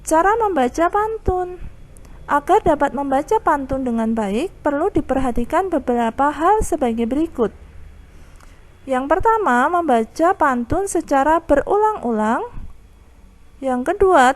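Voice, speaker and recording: Woman, young, high-pitched, teacher, calm clear explaining, online lesson. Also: measured pace.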